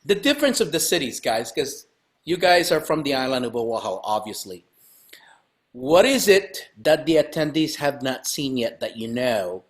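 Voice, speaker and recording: A middle-aged man hosting a casual interview over a video call from home, animated and joking, laughing often. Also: medium pitch, normal speed. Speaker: podcast host. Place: home room indoors. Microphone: video call webcam.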